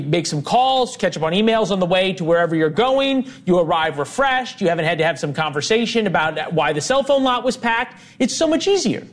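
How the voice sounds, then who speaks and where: A man hosting a TV talk show in a high voice that keeps bouncing up and down. He is wry and animated, and he jokes as he argues his side. He sounds lively throughout. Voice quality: lively and wry, playfully argumentative. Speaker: news show host.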